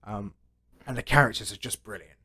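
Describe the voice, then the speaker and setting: A man talks in a low voice, recorded close and dry with almost no room sound. He rambles through long stories, tacking "right?" onto his sentences and swearing casually. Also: a little fast, pushed and bright, slightly rough, no room sound. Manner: swears freely. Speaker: podcast co-host. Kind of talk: casual chat.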